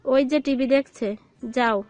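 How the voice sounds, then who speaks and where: A woman voicing a friendly, easygoing middle-aged mother who talks in a warm, welcoming way in an audio drama. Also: sits high, measured pace, soft background music. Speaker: voice actor. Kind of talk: Bengali audio love-story drama.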